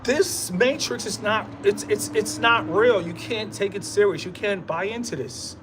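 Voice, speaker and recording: A vlogger with a high-pitched, slightly slow voice rambles through a motivational monologue in streetwise slang, laughing into his words. He's emphatic and repeats himself often, and there's noise in the background.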